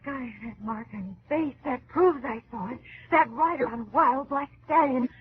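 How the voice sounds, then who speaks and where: An actress playing an earnest, excitable young American girl in a 1950s radio adventure serial, eager and full of wonder. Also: high voice, normal speed, slightly rough, dry recording. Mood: alarmed. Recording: tinny old-time radio recording.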